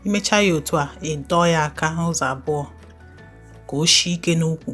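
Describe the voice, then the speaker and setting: A woman's voice: low voice, quick pace, fairly bright tone, soft background music. A woman with an Igbo Nigerian accent giving a casual, conversational voiceover for a step-by-step tutorial. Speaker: hair tutorial host.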